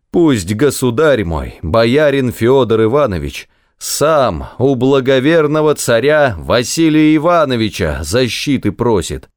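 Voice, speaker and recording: A man voicing a proud, loyal old servant who pleads in a slow, trembling voice. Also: medium pitch, no room sound, studio quality, voice pushed up. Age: older.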